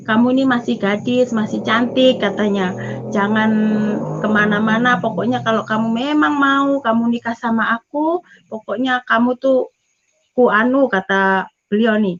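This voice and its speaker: A woman's voice: a little high, fairly bright tone. A woman from Java telling a personal testimony, animatedly acting out both sides of the conversations she recalls. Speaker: testimony speaker. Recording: dull lo-fi audio.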